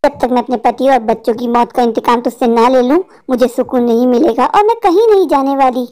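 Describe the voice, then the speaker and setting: A woman voicing a vengeful, grieving female witch spirit in a cartoon, with slow, gloating threats. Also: high voice, dark tone, lightly acted. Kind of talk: cartoon voice acting.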